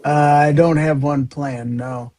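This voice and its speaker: A man's voice: a little high, fairly even intonation, a little mellow. A man hosting a live podcast panel, chatting casually while showing viewer clips. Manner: quick, chatty, sharing screen clips. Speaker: podcast host.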